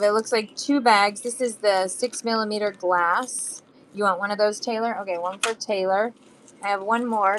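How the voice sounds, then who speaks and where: Against a noisy background, a medium-pitched woman runs a live selling stream, casually talking with buyers while presenting beads and charms. Chatty and a little phlegmy in the throat, this auction seller hums and sings to herself between items.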